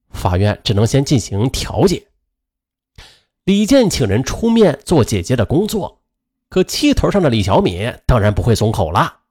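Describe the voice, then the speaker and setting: A male storyteller narrates a family crime drama, his pitch swinging widely as he builds suspense. He speaks at a middling pitch and stretches his filler particles to draw the listener in. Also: a little mellow.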